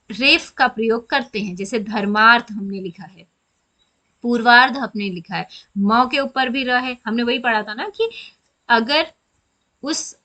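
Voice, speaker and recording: Teacher, woman, bright and a little high, patient explainer who quizzes then answers herself. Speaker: Hindi grammar teacher. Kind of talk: classroom explanation.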